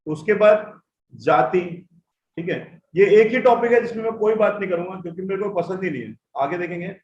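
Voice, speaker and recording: Man, high voice, online class lecture, repeats himself, roomy echo, muffled sound. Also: brisk, darkish tone. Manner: explains and repeats points, checks understanding. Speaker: teacher. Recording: echoey room, dull audio, faint noise.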